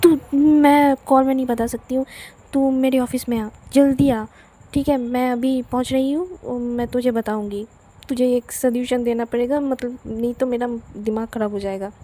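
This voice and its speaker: A woman's voice: a little high, steady tone, normal speed, dark tone, close to an everyday voice. A woman storyteller voicing Samira, a nervous, flustered young woman who pleads and frets. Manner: frantic, pleading.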